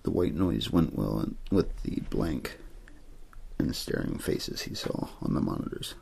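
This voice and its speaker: With an extremely deep, husky, breathy voice full of gravelly fry, a man reads a scripted story for an ASMR channel in audiobook style. He speaks softly in measured phrases and pauses often.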